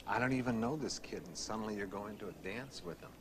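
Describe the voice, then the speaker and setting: A man's voice: fairly low pitch, quick pace. An actor playing a casual, teasing middle-aged father in a TV movie, heard through hissy old VHS tape audio. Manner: casual, teasing, talks in asides. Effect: old VHS tape audio with hiss. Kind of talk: TV movie acting.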